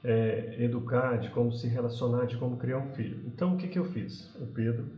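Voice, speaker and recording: A man's voice: mid-range voice, brisk, dark tone. A man in his forties with a Brazilian Portuguese accent, a parenting channel host telling a personal story in a casual, conversational way with frequent tag questions. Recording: roomy echo.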